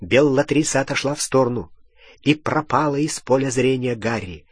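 A man reading an audiobook as narrator, in a measured, expressive manner. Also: mid-range voice, slightly rough, dry recording. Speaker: audiobook reader. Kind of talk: scripted narration.

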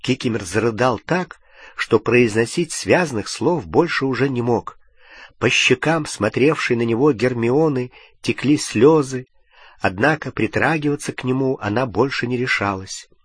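A man reading an audiobook narration in an even, measured manner. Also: mid-range voice, husky, dry recording, clean studio sound.

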